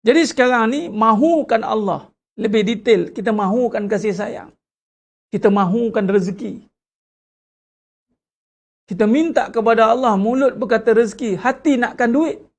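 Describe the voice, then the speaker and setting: A religious teacher with a Malaysian Malay accent giving an animated lecture, full of rhetorical questions and acted-out prayers. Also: mid-range voice, creaky.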